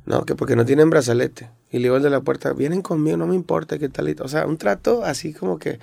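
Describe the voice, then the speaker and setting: Mexican rapper guest, gravelly voice, dry close sound, lively storyteller. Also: male voice, on the high side, fast talker, no room sound. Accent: Mexican Spanish. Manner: animated retelling with acted-out quotes. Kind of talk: casual storytelling interview.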